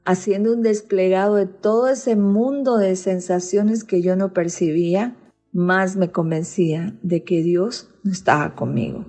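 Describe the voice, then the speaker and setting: A middle-aged woman reading her personal religious testimony in an earnest, measured way. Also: fairly low pitch, mellow. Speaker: testimony speaker.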